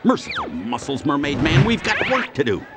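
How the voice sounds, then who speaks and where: An aging cartoon sidekick, exasperated and earnest. His fairly high voice leaps wildly, with loud music behind. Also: huge pitch swings, moderate pace. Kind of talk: cartoon game voice acting.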